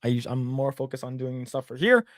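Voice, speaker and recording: A young man co-hosting a podcast chats casually, rambling, blunt, and swearing freely. His medium-pitched voice is brisk with lively intonation, recorded dry with clean studio sound.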